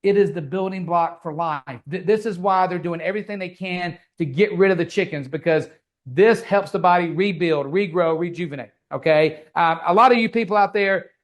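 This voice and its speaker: High-voiced stammering man. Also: moderate pace, lo-fi sound. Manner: stammering restarts, calls listener brother. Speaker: podcast host. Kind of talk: casual podcast chat.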